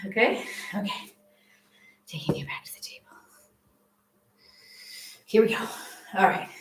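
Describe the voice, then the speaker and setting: A middle-aged woman with a slightly high voice teaches a live movement class as a yoga instructor. She is encouraging and talkative as she guides each pose, a little out of breath. She is recorded off-mic, far away, in an echoey room.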